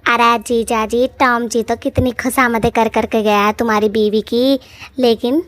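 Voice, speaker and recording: A woman's voice: fairly high pitch, level tone, normal speed, a bit bright, natural voice. A woman doing a nagging, folksy cartoon mother. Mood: fretful. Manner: nagging, rustic folksy speech. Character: middle-aged mother, fussy and gossipy.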